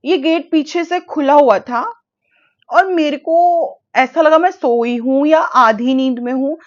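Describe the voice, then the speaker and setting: A young woman with a high, bright-sounding voice tells a personal story in a loose, animated way. She slips between Hindi and English, full of fillers and restarts. The audio is a bit dull and lo-fi. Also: unhurried. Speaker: vlogger. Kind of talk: casual storytime.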